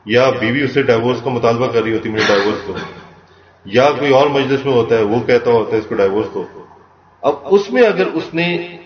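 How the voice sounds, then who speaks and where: A man calmly teaching a religious law lesson, explaining step by step and repeating key points. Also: medium pitch. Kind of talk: explanatory lecture mixing Urdu and English terms. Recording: echoey, distant, dull lo-fi room recording.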